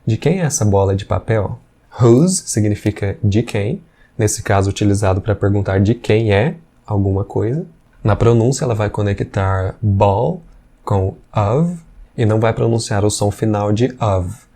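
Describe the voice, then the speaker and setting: A man, teaching English patiently and slowly repeating examples. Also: fairly low pitch, dark tone. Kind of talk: explanatory language lesson.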